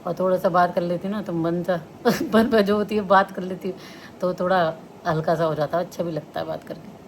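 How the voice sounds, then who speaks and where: A woman's voice: lowish voice, steady tone, fairly quick. A chatty middle-aged woman, talking to her viewers at home. She laughs often while she tells her story. Faint room noise sits under her voice. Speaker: vlogger. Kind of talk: casual chat to viewers.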